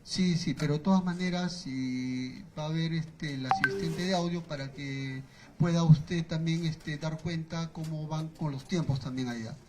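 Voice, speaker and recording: A man with a Peruvian Spanish accent presiding as judge over a court hearing, giving procedural instructions and rulings, often pausing on fillers. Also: on the high side, steady tone, very noisy.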